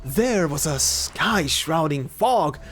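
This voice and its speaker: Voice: mid-range voice, expressive, slow pace, fairly bright tone, faint music behind. Someone voicing an eager old ghost sailor who tells folksy yarns in a video game read-aloud. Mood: suspenseful. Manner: folksy yarn-spinning.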